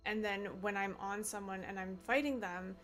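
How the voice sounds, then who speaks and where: A woman's voice: medium pitch, steady tone, normal speed, fairly bright tone. A woman from Canada hosting a gaming livestream, chatting casually and bluntly with friends and laughing often. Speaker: streamer.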